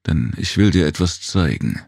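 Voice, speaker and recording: A man voicing a masked, emotionless alien protector in an audiobook, speaking in measured warnings. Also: low voice, big pitch swings, vocal fry, a little mellow, no room sound, clean studio sound, voice pushed up, heavily acted. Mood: cryptic. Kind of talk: audiobook character voice.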